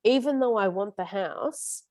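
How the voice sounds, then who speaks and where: A woman's voice: medium pitch, lively intonation, measured pace, darkish tone, no echo. A woman, leading a casual support group session in an earnest, coaching way that often trips over her words.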